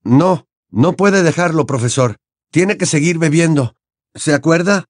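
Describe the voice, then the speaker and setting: A man's voice: a little high, measured pace, no room sound, clean studio sound, pitched above the performer's own voice. A male audiobook reader voicing an anxious teenage boy wizard who talks in a tense, urgent way. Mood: urgent, coaxing. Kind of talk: audiobook character voice.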